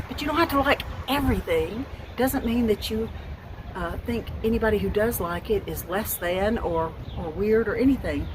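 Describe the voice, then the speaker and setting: Recorded at home against background noise, this mid-range voice belongs to an American thrift haul vlogger in her fifties. She talks casually about her finds, rambling and restarting frequently.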